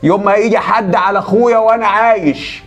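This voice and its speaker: A man's voice: high-pitched, fairly even intonation, brisk, a bit bright. A man with an Egyptian accent playing a proud, protective brother who boasts and keeps pressing with questions. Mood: indignant. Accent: Egyptian Arabic.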